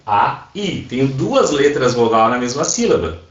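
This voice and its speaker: A man's voice: mid-range voice, sing-song, moderate pace. A man teaching an online class, explaining patiently and often checking that his students are following. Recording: roomy, dull sound. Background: airplanes passing overhead.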